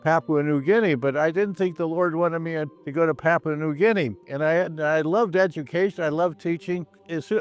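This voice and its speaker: An older man, a priest and professor, giving a reflective, plain-spoken personal testimony, repeating phrases for emphasis. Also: a little high.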